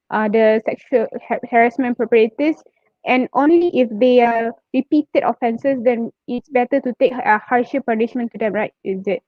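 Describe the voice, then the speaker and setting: Higher-voiced woman moderator, dry and dull. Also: no room sound. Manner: questioning, uses fillers. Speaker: forum moderator. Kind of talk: online panel discussion. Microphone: video call. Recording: dry, muffled call audio.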